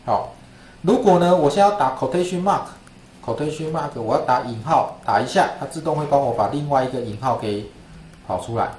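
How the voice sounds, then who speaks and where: Chatty lecturer in a classroom. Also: male voice, mid-range voice, fairly quick, darkish tone, echoey room, a little hiss or hum. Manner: chatty, repeats himself, asks "right?". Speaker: statistics lecturer. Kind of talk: classroom screen-share lesson.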